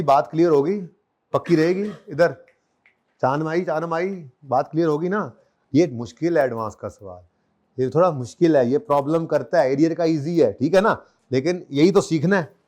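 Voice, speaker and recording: A man's voice: on the high side, normal speed, pauses often, a little mellow. A man teaching an accounting class in a classroom, chatty and joking, counting years aloud and quizzing his students. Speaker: accounting lecturer. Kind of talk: classroom lecture. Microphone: recorded lecture.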